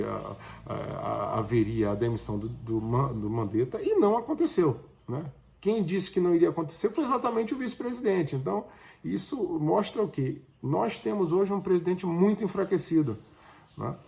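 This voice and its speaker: Gravelly-voiced man on markets. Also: medium pitch, a little mellow. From Bahia, Brazil. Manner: talks in loose spoken phrases with frequent tag questions to viewers. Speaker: finance video host. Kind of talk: market commentary to camera.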